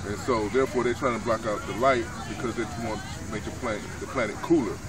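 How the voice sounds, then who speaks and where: A man's voice: lowish voice, steady tone, fast talker. A man in his forties, a minister, answering questions in a street interview in a city park, explaining earnestly and leaning on "so therefore". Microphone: camera mic at a few feet. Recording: distant outdoor mic, crowd noise behind.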